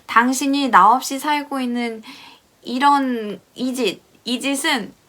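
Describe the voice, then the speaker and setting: Lady going over song lyrics line by line, says them slow and repeats, kinda high voice, soft explanations. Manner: reads Portuguese lines very slowly and repeats them. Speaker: bossa nova lyrics teacher. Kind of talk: lyric translation and pronunciation lesson.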